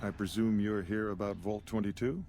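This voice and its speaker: A pompous, condescending scientist from a video game, acted by a man. His voice sits slightly low, and he talks down to the listener in formal, self-important phrases. There is faint background noise. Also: steady tone, moderate pace, warm tone, close to an everyday voice. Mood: smug. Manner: pompous, formal, rhetorical diction. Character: pompous, condescending male scientist, director of operations. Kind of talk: video game character dialogue. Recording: noisy game audio with background ambience.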